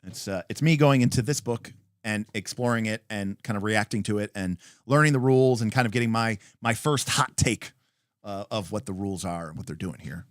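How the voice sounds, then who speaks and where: Brisk and fairly low-voiced, this livestream host comes through in a clean, dry studio recording. He reads viewers' comments and replies casually without a script, rambling and thinking out loud with emphatic, opinionated takes.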